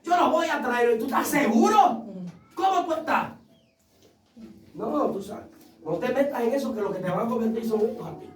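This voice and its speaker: A male pastor preaching a passionate sermon, telling personal stories and rising into shouts. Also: extremely high pitch, animated, moderate pace, long pauses, a little hiss or hum. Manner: impassioned preaching that swells into shouts; tells personal stories with acted quotes. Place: church sanctuary. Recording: echoey church sound from a distant mic.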